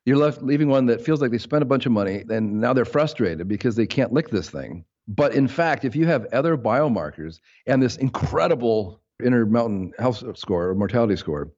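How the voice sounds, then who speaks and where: Lively American man, host, dull sound. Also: medium pitch, fairly quick, hardly any pauses. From United States. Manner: enthusiastic, affirming. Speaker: podcast host, clinician. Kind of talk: casual podcast conversation.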